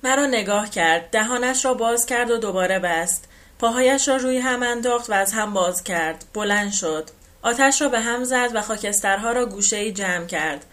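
A woman reading a novel aloud in an even, unhurried way. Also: on the high side. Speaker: audiobook reader.

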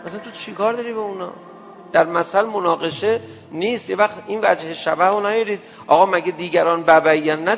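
A male preacher giving an emphatic sermon to a gathering, firing rhetorical questions at the audience and swinging between loud outbursts and soft asides. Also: sits high. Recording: dull lo-fi sound with long hall reverb and faint music.

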